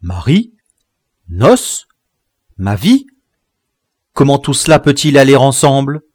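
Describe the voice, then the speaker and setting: A man's voice: medium pitch, sing-song, takes it slowly, a little mellow, slightly rough, no echo, studio quality, full character voice. A man reading the part of a grave, fierce enslaved man in an audiobook, speaking in a solemn, urgent tone.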